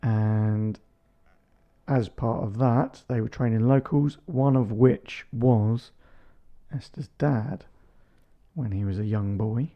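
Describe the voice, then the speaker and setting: A man's voice: mid-range voice, slow, highs cut off. A man in his thirties co-hosting a casual chat podcast with his wife, joking and teasing as he talks. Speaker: podcast co-host.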